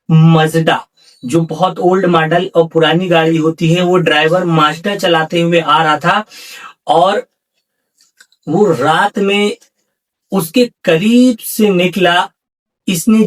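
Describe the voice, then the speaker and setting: A man narrating a horror story in a casual spoken way, often calling his listeners "guys", recorded from a distance off the mic. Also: sits high.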